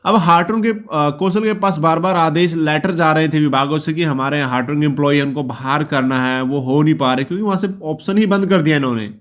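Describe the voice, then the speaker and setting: Man, somewhat high voice, casual channel host explaining rules, calm and reassuring. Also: fast talker, few pauses. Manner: explanatory, reassuring, often ends points with "ठीक है". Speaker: YouTube channel host explaining job policy. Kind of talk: informal explainer talk.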